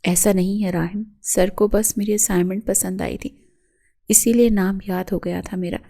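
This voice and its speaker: A woman's voice: mid-range voice, steady tone, dark tone, close to an everyday voice. A woman voicing a frightened young female student who pleads through tears and stammers. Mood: tearful pleading.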